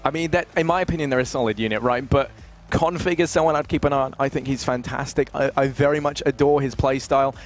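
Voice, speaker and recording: Quick-talking male esports analyst. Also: mid-range voice, fairly even intonation, faint music behind. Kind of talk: casual broadcast analysis chat.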